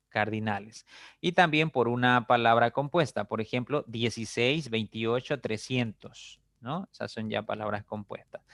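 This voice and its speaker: A man's voice: mid-range voice, a bit bright, no echo, clean studio sound. A man teaching a recorded grammar lesson, explaining patiently, repeating examples and checking in with frequent short questions to his students.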